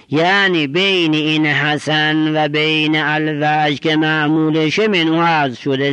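Measured seminary teacher, dry close sound. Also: male voice, a little high, sharp tone, clear, resonant tone, no echo. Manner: reads Arabic phrases then explains in Persian, measured cadence. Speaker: teacher of Arabic grammar. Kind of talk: traditional seminary lesson, reading and explaining.

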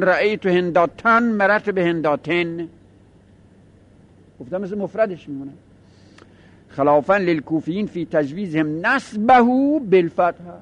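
A man giving a step-by-step grammar lesson in a seminary style, mixing quoted Arabic with plain explanation. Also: high voice.

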